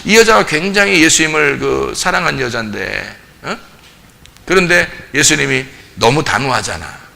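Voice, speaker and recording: A male pastor with a slightly high, creaky voice leads a casual Bible study in a church at a moderate pace. He's animated, acting out scenes from the text and putting questions to his group.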